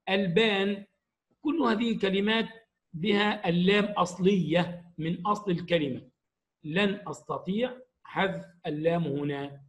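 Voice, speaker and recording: A man teaching an Arabic grammar lesson to young pupils, explaining slowly and stressing each example word. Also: sits high, slight background noise, rough recording.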